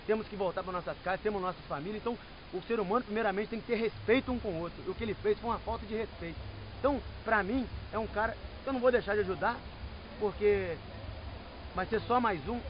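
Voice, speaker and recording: A man's voice: high-pitched, background noise. A Brazilian man, the team manager, speaking earnestly and moralizing to his players in the dressing room. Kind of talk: locker-room team talk. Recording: muffled camcorder audio.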